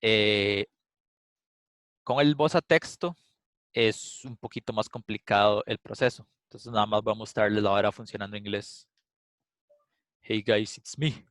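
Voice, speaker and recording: A man's voice: fairly low pitch, steady tone, moderate pace, a bit bright, dry recording. A man giving a casual, explanatory class lecture, thinking aloud with frequent "eh" fillers. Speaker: instructor. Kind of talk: recorded class lecture with live demo.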